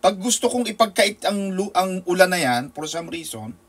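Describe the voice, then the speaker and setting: A Filipino man preaching a sermon from the pulpit. His voice sits a little high for a man. He drives his points with rhetorical questions and call-and-response, then drops into softer asides. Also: animated, normal speed, slightly rough. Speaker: pastor.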